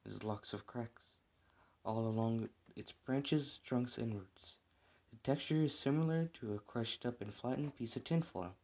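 A man reading a dark story aloud at a plain, unhurried pace, with small slips and restarts. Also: mid-range voice, lo-fi sound.

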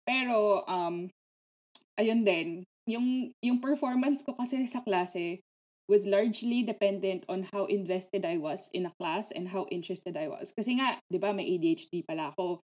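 A woman's voice: medium pitch, normal speed, darkish tone. A woman with a Filipino accent chatting casually as a podcast co-host, switching between English and Tagalog mid-sentence. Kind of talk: casual chat.

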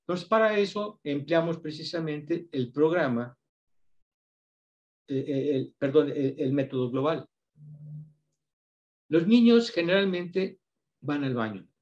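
Teacherly Mexican man, slightly high voice. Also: animated, a little mellow, dull audio. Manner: patient, teacherly, spells out examples slowly. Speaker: guest researcher on reading instruction. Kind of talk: explanatory interview talk.

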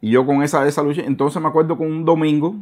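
A man in his thirties, a guest in a casual interview, telling his story with animated restarts and repetitions, now and then slipping in English words. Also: fairly high pitch, quick pace.

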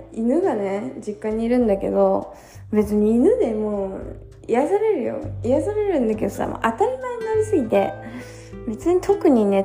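A tired young woman in her twenties chatting casually on her own, self-mocking and acting out quotes in a higher voice. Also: roomy sound. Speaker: vlogger. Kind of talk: casual solo chat. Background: soft guitar music.

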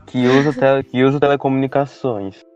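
Young man, Brazilian accent, quick pace, casual slang, faint music behind, dull recording. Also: medium pitch, fairly even intonation, darkish tone. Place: inside a parked car. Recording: dull, lo-fi voice chat audio.

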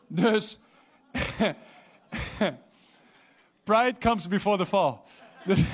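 A young man preaching a sermon, telling a story and then building to emphatic calls, with English phrases slipped in. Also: a little high. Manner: animated, rising to emphatic preaching; mixes English phrases into talk. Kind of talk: sermon with personal anecdote.

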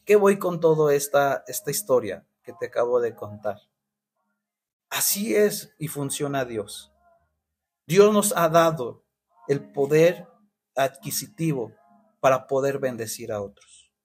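A Mexican man with a Mexican Spanish accent preaches a storytelling sermon, acting out the voices of the people in his tale and restarting often. His voice is medium-pitched, husky and darkish, with lively intonation and a slightly slow pace.

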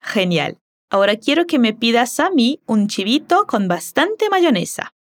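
A woman whose first language is Portuguese teaching a Spanish lesson, slowly modeling words and phrases for the listener to repeat. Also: fairly high pitch, big pitch swings. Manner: slow, careful modeling of words.

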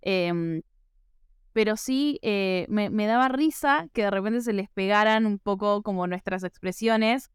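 A woman's voice: medium pitch, measured pace, smooth, dry recording, studio quality. A young Argentine woman with an Argentine accent hosting a podcast, chatty and self-mocking, with frequent "eh" fillers. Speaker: podcast host. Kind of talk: casual podcast conversation.

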